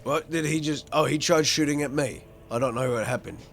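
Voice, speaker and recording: A man commenting excitedly as he plays a video game and reads its text aloud expressively. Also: fairly high pitch, a little fast, creaky, slight background noise. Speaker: gaming video host.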